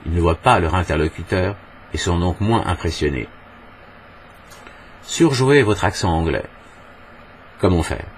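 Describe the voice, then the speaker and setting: A man with a very deep voice delivers a scripted video lesson as a language trainer. He speaks in a measured way and often pauses on rhetorical questions. A faint hum of room ambience sits behind him. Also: expressive. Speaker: English trainer.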